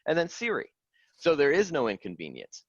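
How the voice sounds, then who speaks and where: A man, coaching clients on a video call in an earnest, animated way, stressing key phrases by repeating them. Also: a little high, a little fast, no echo. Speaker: fitness coach. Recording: dry, dull lo-fi call audio.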